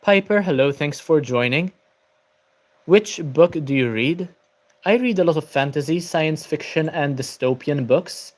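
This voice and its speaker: A tired young man from Malta, Maltese being his first language, chats unhurriedly on his book channel livestream at his laptop at home. In a fairly high-pitched voice, he reads and answers viewer comments, relaxed and full of ums, greeting viewers by name.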